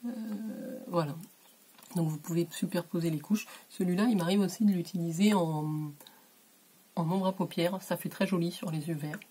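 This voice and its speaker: A woman in her bedroom giving a relaxed, chatty makeup tutorial, with many hesitations, sometimes dropping to a whisper while she applies product. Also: fairly low pitch, normal speed, breathy edge. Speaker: beauty vlogger. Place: warm bedroom.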